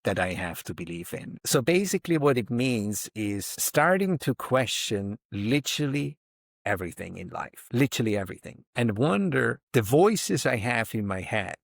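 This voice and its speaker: Very animated, with medium pitch, a moderate pace and vocal fry, this man in his 50s appears as a podcast guest. He reflects emphatically in interview fashion, frequently quoting his own inner thoughts. The recording is dry and studio quality.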